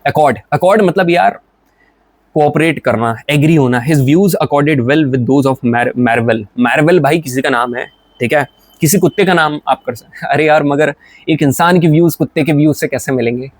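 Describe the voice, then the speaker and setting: A man's voice: a little high, moderate pace, no echo. A young Indian man teaching vocabulary in a casual, joking, brotherly way. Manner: chatty, joking, brotherly, with English example sentences. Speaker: English teacher. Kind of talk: casual Hindi vocabulary lesson.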